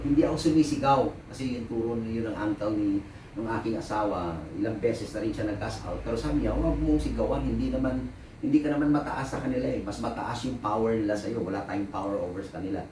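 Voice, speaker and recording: A man's voice: fairly low pitch, quick pace, mellow, slight background noise. A man preaching a sermon as pastor, telling stories and mixing Tagalog and English, often laughing at his own anecdotes. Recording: echoey room, voice from a distance.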